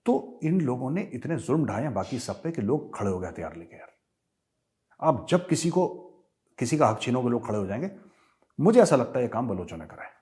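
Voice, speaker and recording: Emphatic man giving forceful commentary. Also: mid-range voice. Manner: emphatic, mixes English phrases into Hindi. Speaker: show host and commentator. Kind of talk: opinionated commentary.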